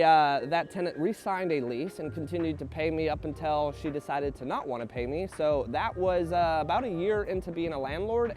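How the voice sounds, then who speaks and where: A man's voice: a little high, a little mellow. A man in his thirties telling his life story in an earnest, emphatic way, standing outdoors in front of a house. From Texas. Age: 30s. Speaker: real estate agent. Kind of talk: personal story vlog. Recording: music playing under the voice. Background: music.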